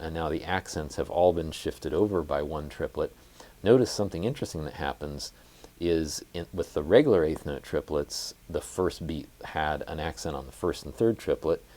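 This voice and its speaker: A man teaching a jazz guitar lesson, explaining rhythms step by step and counting them out loud. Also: very deep voice. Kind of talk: instructional music lesson.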